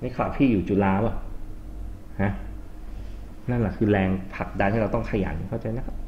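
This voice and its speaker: During a classroom grammar lesson, a male English tutor asks students frequent questions and mixes English terms into his explanations. His fairly low voice moves fairly quickly with fairly even intonation. The dull lo-fi recording has a little hiss or hum.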